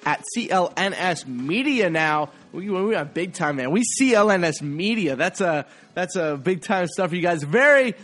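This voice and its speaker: A man's voice: high voice, expressive, moderate pace, hardly any pauses, a bit bright. A man with a stuffy nose hosting a podcast, giving casual sports commentary in a chatty, playful, emphatic way. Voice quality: congested, stuffy-nosed. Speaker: podcast host.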